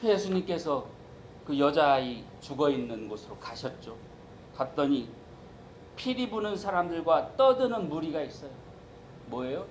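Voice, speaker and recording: A man's voice: on the high side, very animated, normal speed, slight background noise, poor audio. A man preaching a sermon as pastor, emphatic and acting out the voices he quotes.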